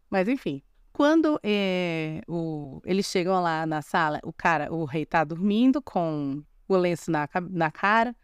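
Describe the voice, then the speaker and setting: On her podcast, a young Brazilian woman with a Brazilian Portuguese accent casually recounts a fairy tale, interrupting herself with sarcastic asides and frequent restarts. Her mid-range voice is smooth and clear, captured dry and close on the mic without echo.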